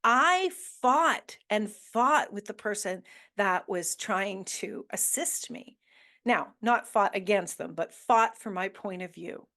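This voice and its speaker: A woman's voice: medium pitch, animated, pushed and bright. A woman hosting a motivational talk, coaching listeners with earnest questions and emphatic repetition. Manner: slow deliberate delivery with emphatic repetition. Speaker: host.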